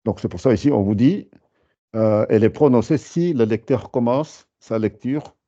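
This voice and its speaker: A man's voice: mid-range voice, normal speed, warm tone, lo-fi sound. A man teaching a lesson, explaining patiently with many fillers and restarts. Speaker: Quran recitation teacher.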